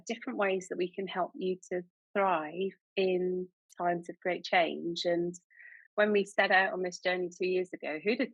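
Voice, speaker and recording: A woman with a lowish, fairly bright voice hosts a podcast interview, introducing her guest with chatty enthusiasm and plenty of restarts. The recording is dry and dull.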